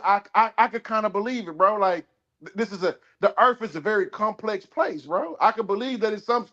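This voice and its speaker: Man, stammers, slightly high voice, muffled lo-fi sound. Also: fairly bright tone. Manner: stammering, repeats words while arguing. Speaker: podcast host. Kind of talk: casual chat. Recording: dull lo-fi sound.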